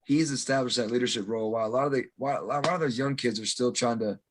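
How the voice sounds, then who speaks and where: A man's voice: mid-range voice, fast talker, a little hiss or hum. An American man, a guest on a podcast, telling stories in a rambling, casual way. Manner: rambling, many restarts and likes.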